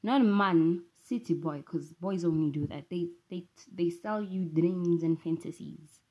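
Rambling, sassy young woman, low mellow voice. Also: a little slow. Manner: chatty, rambling, playful, sassy asides. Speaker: vlogger. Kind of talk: casual rambling chat. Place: at home.

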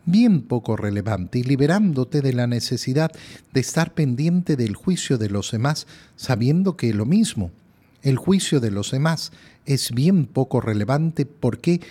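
A man's voice: on the high side, warm tone. A middle-aged male priest giving an earnest, emphatic sermon, often repeating his key phrases. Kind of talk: lectio divina sermon.

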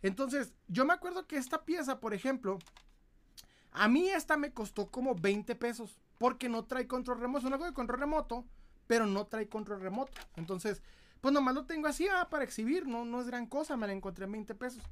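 A man's voice: very high voice, expressive, a little fast, a bit bright. A man with a Mexican accent hosting a collectibles livestream, telling rambling, profane anecdotes in casual chat. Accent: Mexican Spanish.

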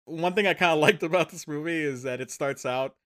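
A podcast co-host chats loosely about a film he's recapping, drifting, correcting himself, and laughing plenty. His voice is a little high and a bit bright, and he talks fairly quickly.

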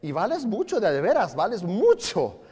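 A man with a Mexican accent preaching a sermon as pastor, fervent, swinging from soft asides to shouted emphasis and joking with the congregation. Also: high voice, wildly swooping pitch, normal speed, breathy edge. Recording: long hall reverb.

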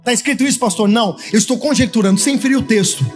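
A man preaches, his voice sitting high for a man. He half-sings his lines and climbs into ringing, shouted proclamations. Faint music plays behind him. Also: racing. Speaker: pastor. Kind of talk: Pentecostal sermon.

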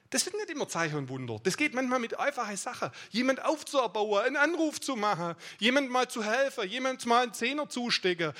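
A man's voice: very high voice, sharp tone. A man preaching a sermon, crying out emphatic declarations, then explaining in a loose, conversational way.

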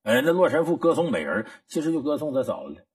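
A man's voice: mid-range voice, big pitch swings, fast talker, breathy edge. A man telling a historical tale in a folksy, chatty way and drawing a moral lesson. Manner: folksy, chatty, talks straight to the listener. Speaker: storyteller.

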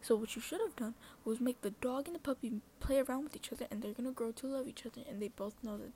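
A woman's voice: a little high, fast talker, warm tone, slight background noise. A woman hosting her own podcast, rambling and self-conscious, often dropping into a half-whisper. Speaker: podcast host. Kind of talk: casual solo talk.

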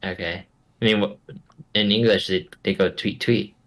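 A man's voice: lowish voice, fairly even intonation, moderate pace, a bit bright. A man guesting in a casual chat, joking and repeating words to try them out. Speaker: guest guessing sounds.

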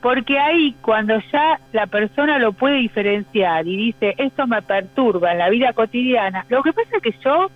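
A woman speaks over a choppy phone call that keeps cutting in and out. The line sounds thin and narrow, with a steady mains hum underneath. She explains things in a measured way and often pauses on hesitant fillers. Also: fairly high pitch, faint music behind. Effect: choppy phone call that keeps breaking up. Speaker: expert guest on a radio show. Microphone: telephone.

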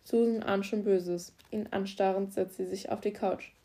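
A woman narrating a German crime story calmly and evenly as an audiobook reader. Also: mid-range voice, normal speed, gravelly. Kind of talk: scripted narration.

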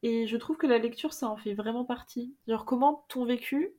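A woman's voice: a little high, normal speed, warm tone. A woman guest on a podcast in casual chat, thoughtful and hesitant with many fillers. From Brittany.

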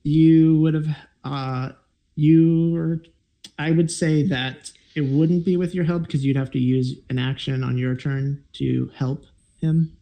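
Gravelly, mellow-voiced male game master. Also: on the high side, slow pace. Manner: relaxed, rambling with frequent fillers. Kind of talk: running a tabletop game.

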